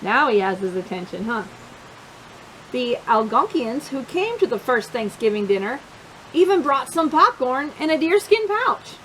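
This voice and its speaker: A woman reads a picture book aloud to children at storytime, expressive and emphatic, stretching out key words and adding little asides for her young listeners. Her voice sits high at a normal pace, and the audio is poor, with a bit of hiss or hum.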